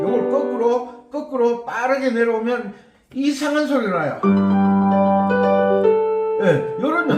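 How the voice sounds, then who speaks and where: Male organ teacher, high and very animated voice, folksy rambling lesson talk, echoey room. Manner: folksy, rambling, full of homespun examples. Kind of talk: chatty music lesson.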